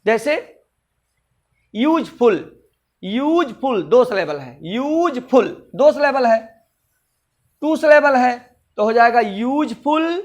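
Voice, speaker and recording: A male teacher giving a classroom grammar lesson, repeating word forms slowly and drilling each point again and again. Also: extremely high pitch, animated.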